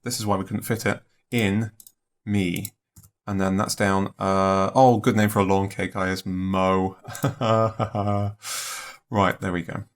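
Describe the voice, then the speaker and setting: A young man thinking aloud in a let's play, musing and unhurried, trailing off into half-spoken guesses. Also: lowish voice, flat delivery. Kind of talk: thinking-aloud puzzle commentary.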